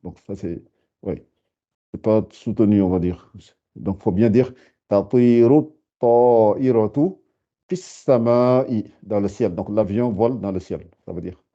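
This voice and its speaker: Slow patient guy teaching a lesson, lowish voice, muffled lo-fi recording. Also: mellow. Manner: patient, repeats and spells out words slowly. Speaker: Arabic teacher. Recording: dull lo-fi sound.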